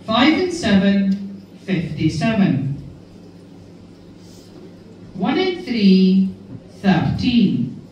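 An older woman working as a bingo caller, announcing numbers in measured, sing-song calls over a PA in a large hall. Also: mid-range voice, very animated, darkish tone, highs cut off. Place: large indoor function hall full of bingo players. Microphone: PA system picked up by a distant camera. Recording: echoey hall PA from far off, room noise.

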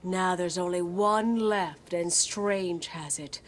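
An actress voicing a menacing plant-controlling woman villain in a video game, her lines layered into a hive-mind voice of many buzzing voices, spoken slowly and coldly. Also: lowish voice. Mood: reproachful.

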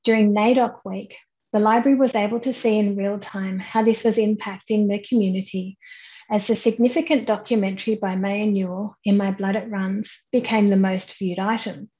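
Woman, thirties, steady explanatory presenter, relaxed voice, lo-fi webcam capture. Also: medium pitch. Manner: measured, explanatory, with frequent "um"s. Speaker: keynote speaker. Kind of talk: online conference presentation. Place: indoors at home, plain wall behind. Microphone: webcam at desk, head and shoulders framing.

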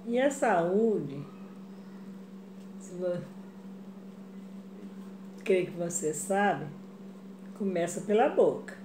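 Slow, mellow-voiced woman in an echoey kitchen. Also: lowish voice, expressive, slight background noise. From Brazil. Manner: chatty, addresses viewers as "gente", frequent "né?" and "tá?". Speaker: craft vlogger. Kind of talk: casual craft tutorial chat. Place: home kitchen, indoors, tiled walls.

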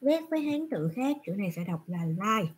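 A woman's voice: medium pitch, sing-song, moderate pace, a little hiss or hum. A woman teaching Japanese in an online class, patiently asking questions and answering them herself. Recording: screen recording from a browser.

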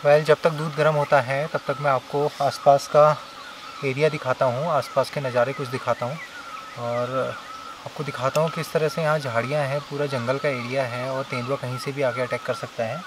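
A man's voice: medium pitch, steady tone, moderate pace, noisy background. A man talking casually to viewers at a forest campsite, walking them through each step as he goes. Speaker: camping vlogger. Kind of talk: casual vlog narration to camera. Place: outdoors at a forest campsite in the hills.

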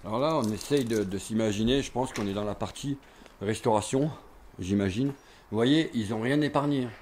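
A fairly low, darkish voice talks briskly over slight background noise as a man in his forties, an urban explorer vlogger, walks an abandoned burned campsite outdoors. He keeps up casual, chatty, rambling commentary to a handheld or chest action camera, filled with fillers and repetition.

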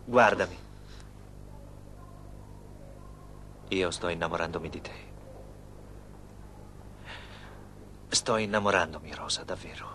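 A man's voice: sits low, fast, sharp tone, slight background noise. A man voicing a passionate young male professor who declares his love, in a dubbed telenovela. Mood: tender. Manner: pleading, passionate. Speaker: romantic lead.

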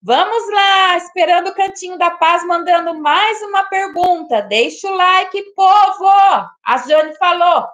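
A woman hosting a casual live stream, exclamatory and quick to laugh, greeting viewers by name. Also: very high-pitched, fairly bright tone.

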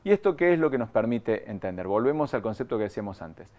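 A man runs a live online training in a studio in front of a graphic backdrop, using a lowish, sing-song, slightly mellow voice at a quick pace. He addresses the viewers directly, explaining things patiently and going over the main points again.

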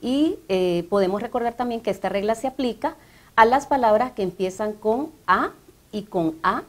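A woman with a Honduran Spanish accent teaches grammar on a studio TV show. She explains each rule in a measured, patient way, like a language professor. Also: medium pitch, expressive. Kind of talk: educational TV talk.

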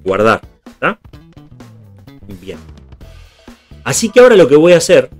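A man's voice: fairly high pitch, wildly swooping pitch, unhurried, soft background music. A man teaching programming step by step in a screen tutorial, often checking that viewers follow. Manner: patient, step by step, checks in with "¿está bien?".

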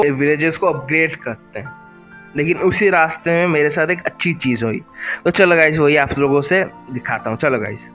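A young Indian man commentating his own gameplay in a casual, excitable way, shouting and pleading at game monsters. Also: a little high. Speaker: gaming YouTuber. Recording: faint background music.

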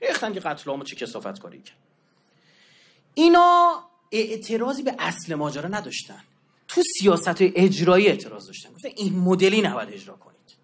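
Male lecturer, high voice, animated and informal, acts out the dialogue in his stories. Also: slightly rough. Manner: animated storyteller, acting out quoted exchanges; informal street slang and asides. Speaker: religious lecturer. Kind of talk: colloquial religious history lecture.

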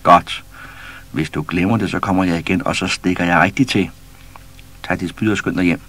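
A man voicing a small, mischievous troll boy giving firm orders in a low, husky voice. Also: fairly even intonation, fairly bright tone, exaggerated voice. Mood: stern.

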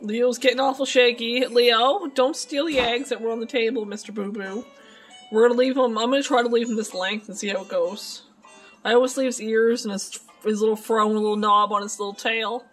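A woman talks casually to the camera in her home and breaks into cooing baby talk for her pets. Her voice sits fairly high and swings from soft murmurs to sudden loud calls. Faint music plays underneath. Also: fairly even intonation, fairly quick. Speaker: vlogger and pet owner. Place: home, indoors.

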